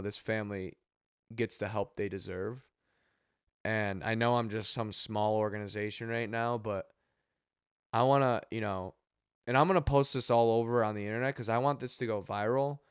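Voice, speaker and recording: A man making a heartfelt appeal for a charity he runs, talking haltingly with sighs and pauses, his voice catching with emotion. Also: on the low side, clean tone, no echo, clean studio sound. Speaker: charity organizer. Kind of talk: heartfelt direct-to-camera appeal.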